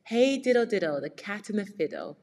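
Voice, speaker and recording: A woman's voice: mid-range voice, big pitch swings, a little fast, darkish tone, in a large hall. A woman voicing a hungry, grumbling male cat in a sing-song, sulky way.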